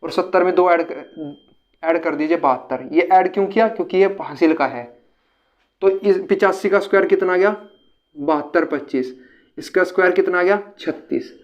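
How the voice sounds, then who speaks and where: A man's voice: sits high, normal speed, lo-fi sound. A man teaching a step-by-step math lesson, often repeating himself and calling his viewers friends.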